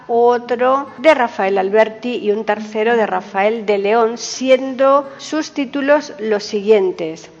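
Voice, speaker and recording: A woman hosting a poetry programme, reading a scripted introduction in a formal, deliberate and carefully phrased way. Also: a little high. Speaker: podcast host and presenter. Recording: dull sound, long hall reverb, guitar music behind. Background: soft guitar music.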